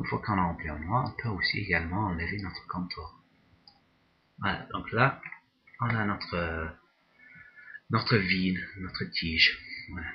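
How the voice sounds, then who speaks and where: A man teaching a software drawing tutorial, talking slowly and hesitantly, often repeating words as he works. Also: deep voice, highs cut off. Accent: non-native English pronunciation. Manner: slow, hesitant, repeats words while working. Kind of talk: screen-recorded software tutorial.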